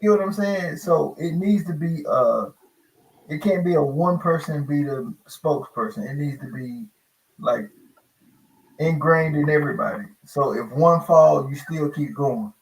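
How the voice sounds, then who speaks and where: Casual male talker, slightly high voice, emphatic and circling back on his words, faint noise. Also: unhurried, gravelly, rough recording. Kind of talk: casual group discussion.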